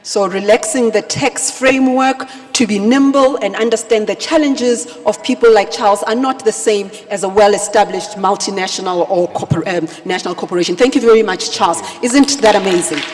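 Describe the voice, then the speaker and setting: A woman hosting a live panel on stage, addressing guests and audience in an emphatic, animated way. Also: medium pitch, fairly quick, few pauses. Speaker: panel moderator. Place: large conference hall stage. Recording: echoey hall sound over PA.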